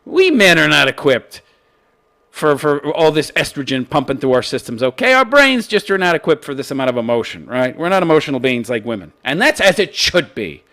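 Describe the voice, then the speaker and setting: Male commentary host, slightly high voice, very animated pitch, brash, mocking, coarse language, emphatic off-the-cuff delivery. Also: brisk. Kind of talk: unscripted opinion commentary, reading out and mocking a news story.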